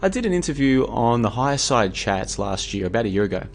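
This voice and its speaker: A man's voice: medium pitch, sing-song, fast, a little hiss or hum. An Australian man talking casually on his livestream, argumentative and tired, with many fillers and restarts. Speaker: livestream host. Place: home room.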